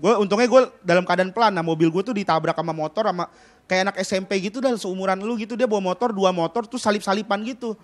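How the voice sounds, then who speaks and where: A man's voice: sits high, fast. A man doing a stand-up comedy routine on a TV stage, ranting in a mock-indignant way. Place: television studio stage with audience.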